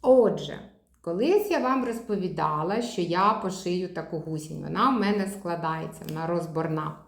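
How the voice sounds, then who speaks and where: A woman speech therapist giving a chatty demonstration lesson, showing toys as she explains and modeling syllables with slow, stretched repetition. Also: on the low side, lively intonation, creaky. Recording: echoey room.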